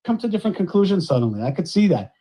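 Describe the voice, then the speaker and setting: A high-pitched man speaks. He comments effusively, repeating his phrases and dropping in Yiddish words. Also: big pitch swings, very fast, dark tone. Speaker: rabbi commentator.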